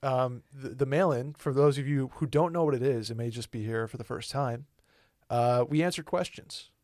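A man's voice: medium pitch, normal speed, darkish tone, dry recording, studio quality. A man in his twenties co-hosting a podcast in loose, casual chat that often backtracks and corrects itself. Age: 20s. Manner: loose, rambling, self-correcting. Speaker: podcast co-host.

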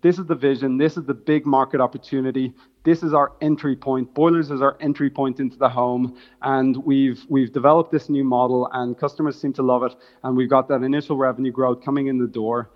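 A man's voice: medium pitch, fairly even intonation, brisk. A man with a Dublin accent answers interview questions as a startup founder. His intonation stays very level as he explains things in business jargon. The sound is slightly muffled and band-limited. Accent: Dublin Irish. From Dublin, Ireland.

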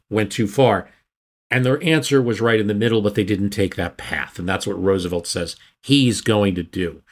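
A man explaining history in a casual, storytelling podcast manner, with occasional restarts. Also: lowish voice. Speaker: history podcast host or guest.

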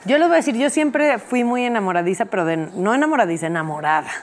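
A woman's voice: mid-range voice, expressive, fast. A woman co-hosting a casual chat, sharing her own experiences in an earnest way. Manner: earnest, confiding. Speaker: co-host.

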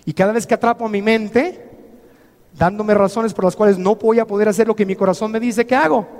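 High-voiced man in an echoing hall. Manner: energetic, theatrical, acts out voices. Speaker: motivational speaker. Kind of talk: live motivational conference talk. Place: large conference hall. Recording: long hall reverb from a live talk.

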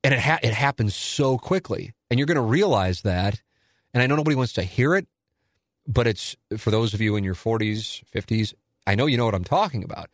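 A man's voice: medium pitch, lively intonation, a little fast, dry recording, studio quality. A man in his forties hosting a solo listener Q&A, talking in a candid, rambling, self-deprecating way. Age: 40s. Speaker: radio and podcast host.

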